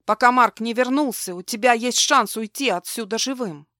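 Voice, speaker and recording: A woman's voice: a little high, normal speed, bright, forceful tone, no echo. Woman doing scared young mom begging, strained voice, audiobook, dry. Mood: tense. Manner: pleading, strained. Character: terrified young mother pleading for her child. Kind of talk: audiobook dialogue.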